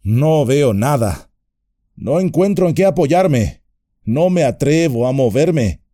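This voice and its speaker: A man's voice: sits high, lively intonation, slow, mellow, voice pushed up. A man voicing a young male hobbit in peril, calling out in a raised voice. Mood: frightened.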